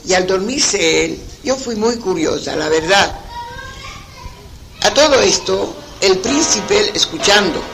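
A man's voice: high voice, lively intonation, takes it slowly, vocal fry, fairly bright tone, soft background music, full character voice, rough recording. A man voicing a curious young girl. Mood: earnest.

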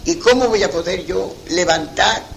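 A man's voice: high-pitched, moderate pace, vocal fry, fairly bright tone, a little hiss or hum, low-quality recording. A man voicing a curious young girl. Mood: earnest.

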